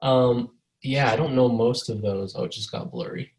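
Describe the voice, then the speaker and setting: A man's voice: mid-range voice, moderate pace, darkish tone, rough recording. A man co-hosting a podcast in casual chat, rambling and swearing as he jokes, speaking over a video call. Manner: rambling, profane and joking. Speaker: podcast co-host. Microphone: video call over a mobile hotspot.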